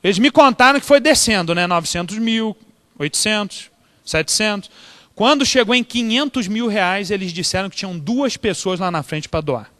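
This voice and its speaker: A man's voice: high voice, moderate pace, bright, forceful tone. A Brazilian man preaching as a pastor, telling stories animatedly, acting out the dialogue and asking the congregation questions. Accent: Brazilian Portuguese. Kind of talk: storytelling sermon. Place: church. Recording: reverberant church hall.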